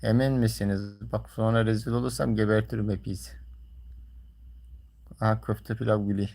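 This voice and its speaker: A man's voice: lowish voice, little pitch movement, fairly quick, gravelly, mellow. A man livestreaming, talking casually and colloquially to viewers in a grumbling, teasing way. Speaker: live streamer.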